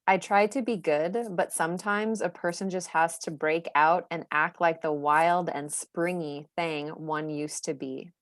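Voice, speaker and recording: A woman reads poetry in a calm, measured voice that sits a little low. The sound is dry and close, with no room around it. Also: no echo. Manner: calm, measured reading with soft laughs. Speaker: poetry reading co-host. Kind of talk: gentle poetry reading and chat.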